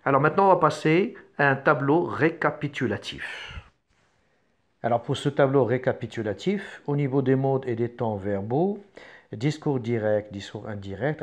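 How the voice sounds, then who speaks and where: A man teaching a lesson, reading out examples and dictating them in short, segmented phrases. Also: medium pitch. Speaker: French grammar teacher.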